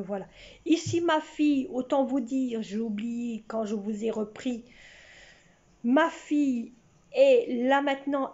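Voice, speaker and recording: A woman in her sixties, talking to her camera at home with a high voice and an unhurried pace. She rambles along, circling back and repeating herself. The sound is a bit muffled, like a home video. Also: darkish tone. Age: 60s. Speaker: vlogger. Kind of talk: casual chat to camera. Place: at home, indoors. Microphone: camera in front of her.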